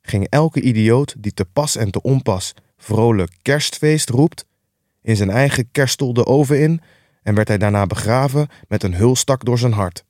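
A man voicing a grumpy, stingy old miser in an audiobook reading, with a curt, gruff and dismissive delivery. The recording is dry and close. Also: medium pitch, lively intonation, normal speed, a little mellow, dry recording, close to an everyday voice. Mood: scornful.

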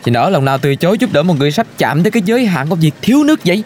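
A wheedling, thirsty cartoon traveler. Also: male voice, fairly high pitch, sing-song, rapid-fire, darkish tone, slight background noise. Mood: pleading. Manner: wheedling and dramatic. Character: thirsty, pleading male traveler. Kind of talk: cartoon voice acting.

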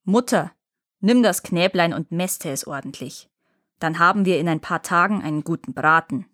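A woman voicing a huge, gruff male giant in a storybook reading, booming and threatening. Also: animated, moderate pace, fairly bright tone, dry recording, clean studio sound. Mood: gloating.

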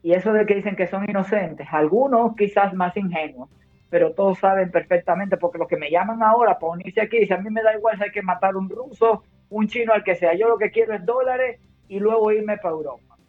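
Over a tinny phone line, a woman from Cuba, both a nurse and a war correspondent, talks with urgency and emphasis in long stretches of an interview. Her voice is medium-pitched and brisk, and soft music plays in the background.

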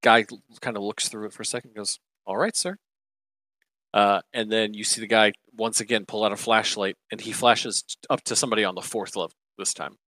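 A man's voice: on the low side, little pitch movement, quick pace, hardly any pauses, sharp tone, dry recording. A man running a tabletop game as game master, narrating loosely with many fillers.

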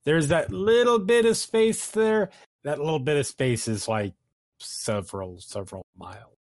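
Male game master, very slow explanatory delivery, dry recording. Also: fairly high pitch, lively intonation, no echo. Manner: deliberate, explanatory. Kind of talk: running a tabletop game.

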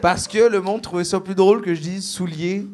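A man's voice: sits high, moderate pace. A man with a Québécois French accent who learned the language as a newcomer, telling stories in a casual podcast chat and acting out the people he quotes. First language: not French. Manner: animated storytelling, acting out quoted voices. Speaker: comedian guest.

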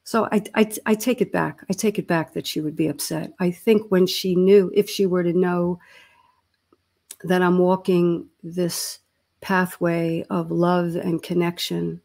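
A woman's voice: lowish voice, level tone, unhurried, gravelly, a little mellow. A woman in her sixties, a therapist co-hosting a podcast, talking in a reflective, earnest way and searching for her words. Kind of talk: casual podcast chat.

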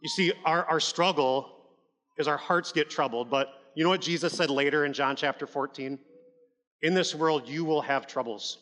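Male pastor, conversational but emphatic sermon delivery, bright tone, long hall reverb. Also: a little high, moderate pace. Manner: conversational, emphatic preaching with frequent "like" and restarts.

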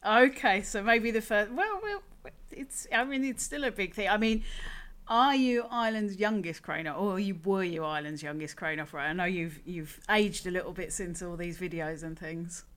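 A woman's voice: mid-range voice, moderate pace, fairly bright tone. A woman hosting a casual interview podcast in a chatty, informal, rambling way. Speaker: podcast host, former crane operator.

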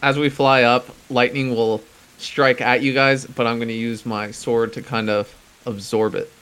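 Man, mid-pitched voice, casual tabletop role-play, player describing actions. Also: level tone, normal speed, a bit bright, smooth.

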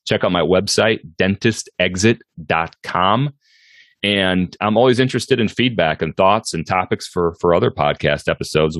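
A man's voice: deep voice, no echo, clean studio sound. A man in his forties talking casually and reflectively as a solo podcast host, circling and qualifying his points as he goes. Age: 40s.

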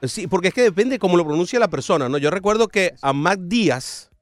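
A man hosting a studio sports talk show, lively and steering the conversation. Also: high-pitched, quick pace, no echo, faint music behind.

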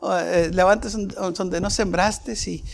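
Un predicador que interpreta a un siervo miedoso que titubea y se justifica con excusas, en voz algo aguda y quejumbrosa. Habla con rodeos, como pidiendo perdón sin convicción. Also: male voice, high voice, steady tone, takes it slowly, creaky, a little hiss or hum, full character voice. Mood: excusing. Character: fearful useless male servant making excuses.

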